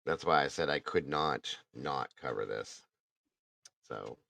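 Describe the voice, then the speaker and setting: A man's voice: rumbling low, slow, gravelly, pushed and bright, dry recording. A man hosting a casual true crime talk, blunt and indignant, swearing now and then. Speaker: true crime podcast host. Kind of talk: casual chat.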